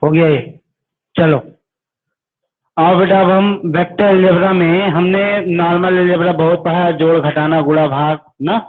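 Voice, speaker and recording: A man's voice: high-pitched, steady tone, unhurried. A male physics teacher, giving an online class lecture. He calls his students "beta", asks them questions and then answers them himself. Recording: tinny phone-like audio.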